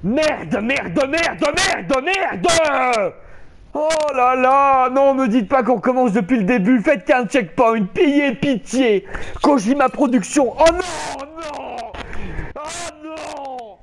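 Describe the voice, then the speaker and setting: A man giving excitable let's play commentary, panicking and swearing at the game while he plays. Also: very high voice, takes it slowly, vocal fry, a crowd in the background. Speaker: gamer streaming a playthrough. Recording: game noise behind the voice.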